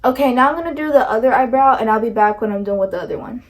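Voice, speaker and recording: A woman's voice: a little high, rapid-fire, low-quality recording. A young woman talking casually and nervously through a makeup tutorial, filling her talk with likes and ums. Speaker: beauty vlogger.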